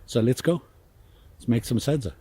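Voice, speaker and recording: A middle-aged man from Zimbabwe, chatting casually through an outdoor cooking vlog in snowy woods, relaxed and full of fillers. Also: medium pitch, moderate pace, slight background noise. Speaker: outdoor vlogger.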